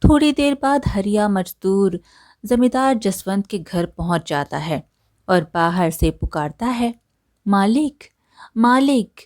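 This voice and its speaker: A woman narrating a moral folk story in a measured, scripted storytelling style. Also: mid-range voice, darkish tone.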